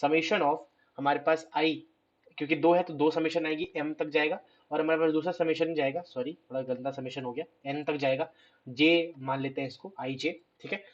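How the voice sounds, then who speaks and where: A hoarse man teaching a math lecture, asking questions and answering them himself. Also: fairly high pitch, steady tone, normal speed, lo-fi sound. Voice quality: clears his throat. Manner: explains step by step, asks and answers his own questions. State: hoarse, scratchy throat.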